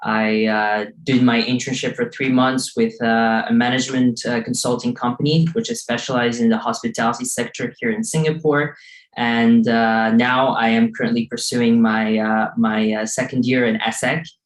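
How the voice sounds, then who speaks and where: A man's voice: medium pitch, little pitch movement, normal speed, echoey room, rough recording. A young man in his late teens, introducing himself as a student, hesitant and full of fillers. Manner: hesitant, many fillers and restarts. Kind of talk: self-introduction.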